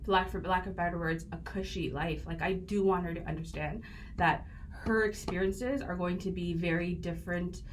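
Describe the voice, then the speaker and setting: A woman's voice: lowish voice, steady tone, normal speed, a little hiss or hum. A woman, a guest talking earnestly and reflectively in a casual podcast interview. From Canada. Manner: earnest, reflective, with frequent fillers.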